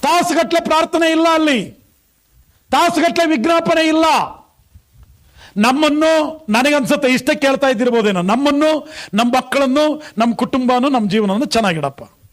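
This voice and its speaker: High-pitched man preaching a sermon. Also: moderate pace, long pauses. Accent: Kannada. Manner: preaching with frequent questions and hallelujahs. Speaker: pastor.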